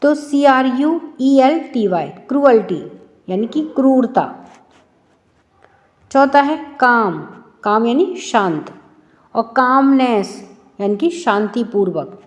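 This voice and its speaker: A woman's voice: a little high, lively intonation, slow, long pauses, in a large hall. A woman teacher explaining an English lesson for schoolchildren, asking rhetorical questions and answering them herself.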